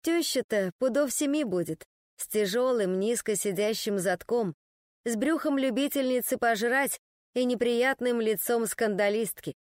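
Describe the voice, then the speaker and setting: Woman reading a novel, snarky and ironic, high lively voice, dry sound. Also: a little slow, no echo. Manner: ironic, sardonic. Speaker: narrator. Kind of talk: audiobook narration.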